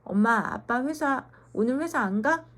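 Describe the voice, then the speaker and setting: A woman voicing an eager little schoolgirl who adores her dad, reading a children's storybook in an excitable, pleading way. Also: sits high, unhurried, voice pushed up, heavily acted. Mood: anxious.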